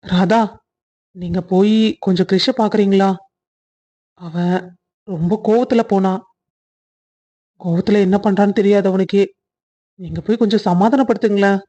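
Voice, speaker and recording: A voice actor playing a calm young man in a cartoon story who soothes others, in a dull lo-fi recording. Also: medium pitch, moderate pace, pauses often, natural voice. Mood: soothing. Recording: dull lo-fi audio.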